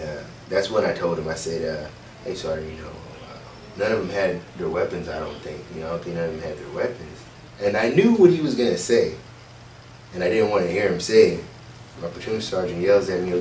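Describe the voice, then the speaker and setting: A young American man, a soldier, recounting a combat event in halting first-person testimony full of fillers and restarts. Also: low-pitched, a little mellow. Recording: roomy, distant mic with faint hiss.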